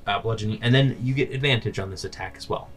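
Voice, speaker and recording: Low-voiced man running a tabletop game. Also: fast. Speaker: game master. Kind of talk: casual narration of a tabletop game. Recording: slightly distant mic, faint noise.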